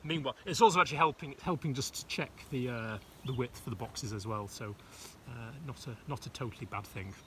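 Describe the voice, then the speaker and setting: A middle-aged man in a casual do-it-yourself build vlog, with a voice of ordinary middle pitch. He rambles through his work, full of fillers and restarts, and pokes fun at himself. A faint background hiss sits under the camera mic. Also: a little fast. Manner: rambling, many fillers and restarts, self-deprecating. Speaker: vlogger fitting out a narrowboat. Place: outdoors on a boat roof and inside a boat workshop.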